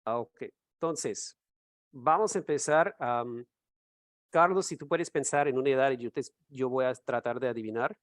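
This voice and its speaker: A man teaching an English class over a video call, explaining slowly and repeating words for students to echo. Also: mid-range voice, clean studio sound.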